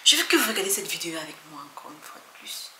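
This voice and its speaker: A woman vlogger talks earnestly to her viewers, emphatic and often hushed. Her voice is bright and clear, and the room around it is echoey. A faint noise sits behind her. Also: on the low side, big pitch swings, quick pace. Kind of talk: earnest talk to camera.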